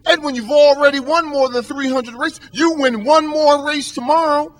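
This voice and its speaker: A man's voice: very high-pitched, fairly even intonation, moderate pace, pitched above the performer's own voice. A man playing a track coach who is exasperated with his star athlete, pleading and incredulous.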